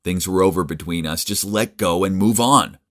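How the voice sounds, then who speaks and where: A man's voice: sits low, normal speed, a bit bright. A man voicing a young man who bluntly tells his ex to move on. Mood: fed up. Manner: blunt, weary.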